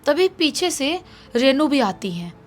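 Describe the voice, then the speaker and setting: A woman's voice: sits high, very animated, a little slow. A young woman casually telling a true horror story, chatty and conversational. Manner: conversational, acts out shouted quotes.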